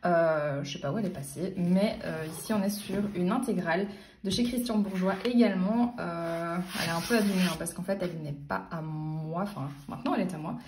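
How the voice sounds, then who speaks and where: Woman, late twenties, casual book vlog, chatty and hesitant, dark mellow tone, roomy echo, slightly distant from mic. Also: on the low side, fairly quick, slight background noise. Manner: chatty, hesitant, many fillers and restarts. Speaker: book vlogger. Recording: roomy sound, voice a bit off-mic.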